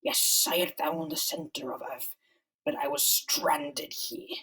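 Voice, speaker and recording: A man voicing a bitter, megalomaniac underground comic-book villain in a slow, theatrical, menacing monologue with a whispery rasp. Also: extremely high pitch, big pitch swings, bright, forceful tone, recorded from a distance, pitched above the performer's own voice, heavily acted, low-quality recording. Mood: brooding. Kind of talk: dramatic comic-book reading.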